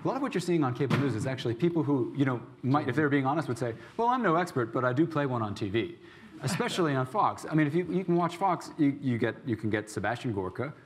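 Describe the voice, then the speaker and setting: A man on a panel rattles off his point at a quick clip, wry and pressing. A low hiss sits faintly under his voice. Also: animated. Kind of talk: panel discussion comment.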